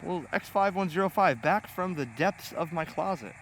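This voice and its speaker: Outdoors on the grass by a pond, shaded by trees, a middle-aged American man records a rambling, unplanned video about his ham radio equipment. His voice is high-pitched and expressive, his pace moderate, and his tone keen and casual. The outdoor camera audio carries plenty of surrounding sound.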